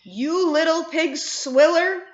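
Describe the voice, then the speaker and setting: Woman doing a huge greedy male giant, booming, slow, menacing, roomy, lo-fi. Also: expressive. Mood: furious. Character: huge brutish male man-eating giant, greedy and bad-tempered. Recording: roomy, dull lo-fi sound.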